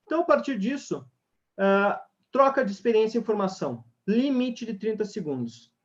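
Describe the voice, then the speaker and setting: A man's voice: sits high, animated, moderate pace. A man leading an online sales webinar, talking energetically straight to the audience. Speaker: sales trainer. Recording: dull lo-fi webinar audio.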